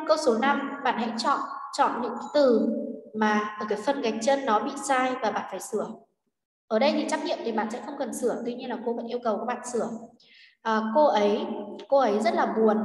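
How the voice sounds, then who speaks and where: A woman's voice: on the high side, darkish tone. A woman from Vietnam teaching English, going through exam questions step by step and checking that students follow. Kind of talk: exam review lesson. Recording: echoey room from a distance.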